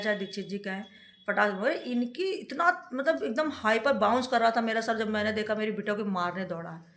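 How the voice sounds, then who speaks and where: A woman's voice: mid-range voice, fairly bright tone. A woman, a mother, talking casually to camera at home in a chatty way, and sometimes scolding her kids. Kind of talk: casual home vlog narration. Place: indoors at home. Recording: echoey room with faint noise.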